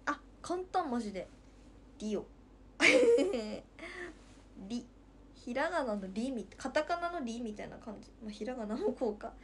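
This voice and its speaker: High, lively young woman with Nagasaki accent. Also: measured pace, pauses often, slight background noise. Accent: Nagasaki dialect. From Nagasaki, Japan. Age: 20s. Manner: lively, giggly, playful chatter. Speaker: livestreamer. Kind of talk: casual chat with viewers. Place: room at home.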